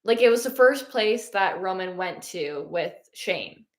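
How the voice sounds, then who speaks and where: A woman's voice: mid-range voice, expressive, unhurried. A sleepy woman hosting a casual book club chat, talking loosely and trailing off. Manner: chatty, yawning, trailing off.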